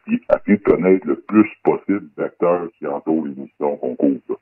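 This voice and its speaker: An anonymous man speaks through a voice-disguising filter that pushes his voice extremely low. He has a Québécois French accent and a breathy, husky tone, and the sound is dry and thin, like a phone line. He talks in a guarded way and hesitates often. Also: normal speed, no echo, soft background music. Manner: guarded, hesitant, many fillers. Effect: voice electronically disguised, pitched very deep. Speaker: anonymous guest, former undercover federal police agent. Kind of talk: radio talk show interview.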